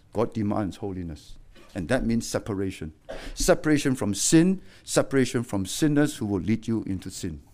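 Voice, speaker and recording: A middle-aged man preaching a sermon as a pastor, swinging between loud exhortation and quiet, low warnings.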